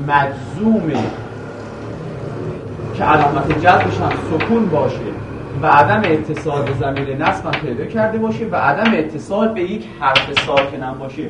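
A male teacher giving a classroom grammar lesson, quizzing his students with questions and reciting a verse slowly again and again. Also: a little high, background noise. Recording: echoey room, voice from a distance.

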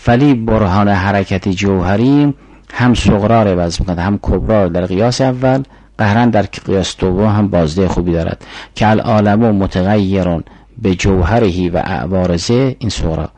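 A man's voice: on the low side, darkish tone, dry recording, rough recording. An older man giving a formal philosophy lecture, explaining arguments step by step and reciting Arabic syllogisms.

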